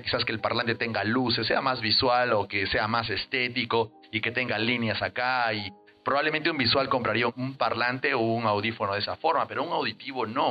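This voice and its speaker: A man hosts an educational podcast at a middle pitch and explains ideas in a lively way, acting out short example voices as he goes. The sound is slightly dull, and faint music plays underneath. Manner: lively teacher, acts out quick example voices and asks "¿no?" often. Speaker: NLP trainer and podcast host.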